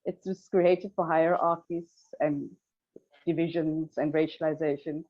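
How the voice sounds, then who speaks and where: A woman who teaches environmental studies, speaking on a panel over a group video call, thoughtful and halting with many fillers. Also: low-pitched, fairly even intonation. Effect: heard over a group video call. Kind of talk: reflective panel talk. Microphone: computer mic on a video call. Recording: dull lo-fi video call audio.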